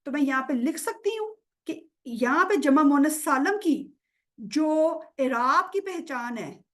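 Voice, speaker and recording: A woman's voice: sits high, animated. A woman teaching Quranic grammar in an online lesson, patiently checking understanding and stretching out example words. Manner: drawls example words slowly to show pronunciation.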